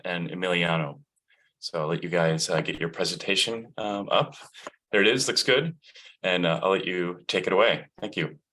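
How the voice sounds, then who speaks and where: A man hosts an online academic session, thanking one group and introducing the next. He talks loosely, filling pauses with ums and likes. His voice is low but bright and forceful. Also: low-quality recording. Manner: friendly, many fillers. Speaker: session moderator. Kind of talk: casual moderating.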